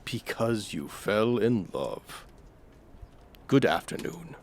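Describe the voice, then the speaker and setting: Man acting a scornful old miser, swinging pitch. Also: lively intonation, takes it slowly, darkish tone, a little hiss or hum. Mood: cold, sarcastic. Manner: curt, sneering, sarcastic. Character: bitter old miserly uncle, cold and scornful. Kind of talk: audio drama acting.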